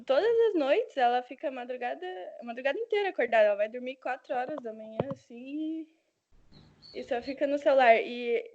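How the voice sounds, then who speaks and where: A woman's voice: on the high side, a little mellow. A young woman, a student in an online class, telling a story in a rambling way with many fillers. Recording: dull lo-fi online call audio.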